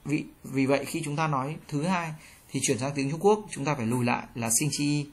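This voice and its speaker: A teacher runs an online language lesson. Explanations come in a middle-pitched, even voice. Practice syllables are called out higher and louder for learners to repeat. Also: fairly quick, husky. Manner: explains in a plain tone, then calls out drill syllables higher and louder.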